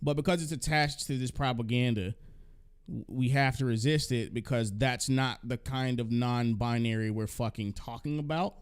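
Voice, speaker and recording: A man's voice: medium pitch, moderate pace, clear, resonant tone. A man hosting a live stream, talking casually with a co-host, profane and exasperated, often restarting his sentences.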